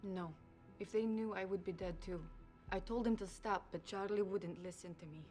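An actress playing an earnest young Russian woman, a suspect speaking in a measured way in a TV crime drama. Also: medium pitch, steady tone, dark tone, soft background music, close to an everyday voice. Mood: sad, confiding. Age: young adult. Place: interrogation room set, indoors.

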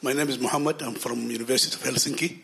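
A man's voice: mid-range voice, fairly even intonation, vocal fry, pushed and bright, a little hiss or hum. A man, from Sudan, asking a long question in a conference hall, stumbling over repeated words. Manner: halting, many repeated words and restarts. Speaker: audience member asking a question.

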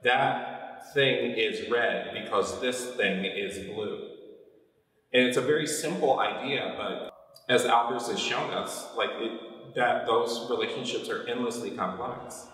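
A man's voice: mid-range voice, slow pace, a bit bright. A middle-aged man, a painter, talking reflectively about his work in an interview and often checking in with "right?". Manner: thoughtful, often ends points with "right?". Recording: roomy, echoey, from a distance.

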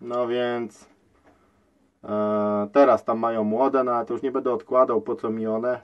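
A man who breeds pigeons, casually vlogging from his loft and talking in a slow, rambling way with many hesitations. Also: medium pitch, muffled recording. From Poland. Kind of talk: casual vlog walkthrough. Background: pigeons cooing, faint outdoor noise.

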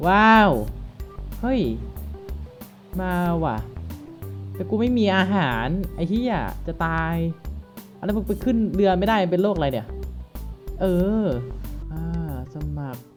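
A man hosting a gaming video, commenting as he plays with excited exclamations and casual swearing. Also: on the high side. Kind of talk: let's-play commentary.

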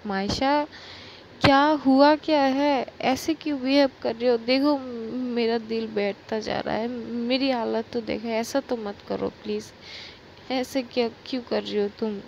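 A woman playing an anxious young woman, voice raised and high as she hurries through worried questions. A gravelly texture runs under her words, with faint noise behind. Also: fairly even intonation, dark tone, dull audio. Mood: anxious pleading. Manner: urgent, rapid, repeating questions.

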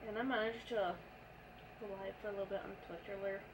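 A woman's voice: mid-range voice, quick pace. Woman talking while chewing food. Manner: relaxed, rambling, filler-heavy. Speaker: vlogger. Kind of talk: casual eat-with-me vlog chat. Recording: clear background noise.

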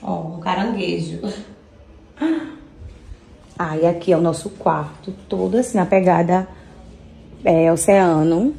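A young woman, chatting excitedly to viewers as she films a hotel tour on her phone. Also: lowish voice, a little slow, creaky, long pauses. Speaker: vlogger. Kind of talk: casual vlog tour.

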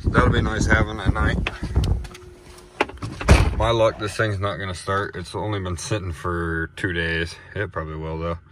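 Deep-voiced man on a noisy phone recording. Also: fairly even intonation, normal speed. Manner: rambling, listing items with many "uh"s. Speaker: farm vlogger showing his truck. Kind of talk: casual walkaround tour. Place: outdoors by a pickup truck, phone camera in hand. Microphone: handheld phone camera. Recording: noisy outdoor phone audio.

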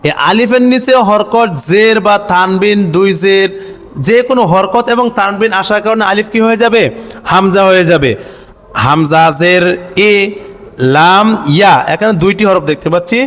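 A man teaching Quran reading. He spells out letters and vowel marks step by step, asks questions and answers them himself, and chants each syllable slowly. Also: high voice, fairly even intonation, fairly bright tone. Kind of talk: step-by-step recitation lesson. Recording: long hall reverb.

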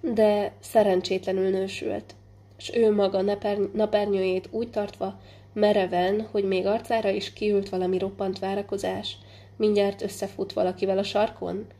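A woman reading a literary novel aloud as audiobook narration, measured and unhurried, with small slips and restarts. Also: mid-range voice, flat delivery, warm tone. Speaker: audiobook reader.

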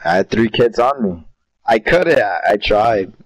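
Lowish man in slangy game chat. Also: expressive, normal speed, no echo. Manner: casual slangy banter, says bro a lot. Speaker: gamer. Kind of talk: casual gaming chat.

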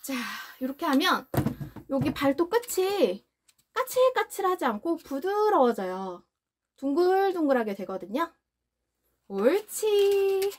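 A woman's voice: high voice, very animated, a little slow. A young adult woman casually demonstrating a dog nail grinder, often cooing praise at her dog in a sing-song voice. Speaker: dog owner demonstrating pet grooming product.

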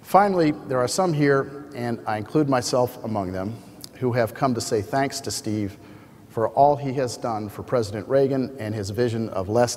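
An American man in his fifties reads a formal, measured introduction speech from a podium as event host. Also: fairly low pitch, darkish tone. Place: large indoor hall at a podium. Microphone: podium microphone. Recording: echoey hall with ambient noise.

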